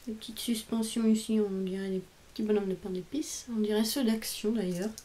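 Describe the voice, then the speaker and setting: Her mid-range, mellow voice moves a little fast with fairly even intonation as this craft video host chats casually while opening mail. She raves about the cards and stamps she's been sent, occasionally tripping over English phrases.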